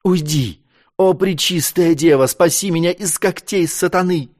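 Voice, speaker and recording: A man's voice: a little high, measured pace, darkish tone, voice pushed up, close to an everyday voice. A man reading an audiobook, voicing a despairing young woman who sobs and rails in anguish. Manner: sobbing, pleading, hysterical. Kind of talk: audiobook character voice.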